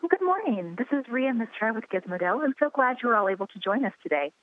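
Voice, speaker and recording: A woman's voice: a little high, big pitch swings, fast talker, dry recording, phone-quality sound. A woman journalist asking prepared interview questions over a phone or radio link.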